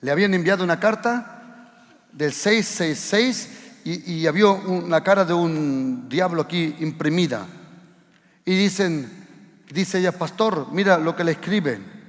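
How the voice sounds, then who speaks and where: A male pastor preaching a lively storytelling sermon in a church, rising at times to shouts. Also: fairly high pitch, measured pace, long reverb tail. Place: church hall. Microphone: handheld or stand microphone.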